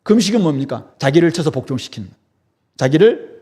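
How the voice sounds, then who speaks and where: A man preaches a sermon from the pulpit, his voice sitting high and swinging widely in pitch. He explains scripture with emphasis and keeps putting rhetorical questions to the congregation. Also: big pitch swings, a little fast, mellow, slightly rough. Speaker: pastor. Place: church sanctuary.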